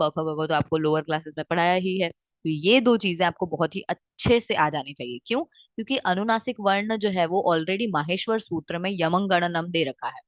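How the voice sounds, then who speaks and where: A woman's voice: on the low side, no echo, muffled recording. A woman teaching Sanskrit grammar for exams, mixing English words into her talk, often checking that students follow and drawing out vowels to show how they sound. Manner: checks often with "ठीक है" and "आ गई बात समझ में?"; mixes English words into Hindi. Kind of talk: exam-focused lecture.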